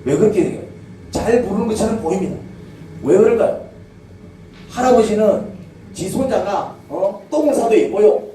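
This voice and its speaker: A man's voice: high-pitched, lively intonation, normal speed, pauses often, warm tone. A male pastor preaching a sermon to his congregation, asking them questions and drawing spoken replies. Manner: asks the congregation questions and draws call-and-response replies. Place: church sanctuary. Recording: echoey church hall, distant mic, background noise.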